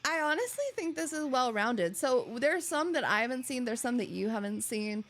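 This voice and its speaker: Gravelly-voiced woman streamer chatting casually. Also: sits high, expressive, moderate pace. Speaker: streamer host.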